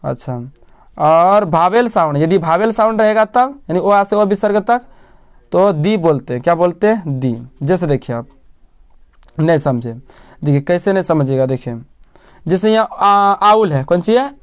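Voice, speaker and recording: Smooth-voiced male tutor drilling grammar. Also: high voice, animated, normal speed. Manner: asks questions and answers them himself, repeating key words. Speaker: teacher. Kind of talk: classroom-style grammar lesson.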